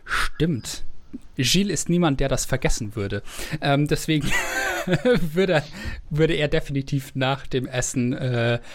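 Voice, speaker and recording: A man narrating as game master of a tabletop game, often pausing to search for words as he describes the scene. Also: medium pitch, slight background noise.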